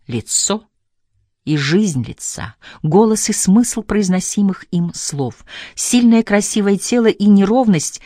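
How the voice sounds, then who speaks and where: A woman narrating a literary novel in a measured, thoughtful manner, slowing on key phrases. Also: mid-range voice, animated, mellow, no echo, studio quality. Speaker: audiobook narrator. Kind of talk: scripted narration.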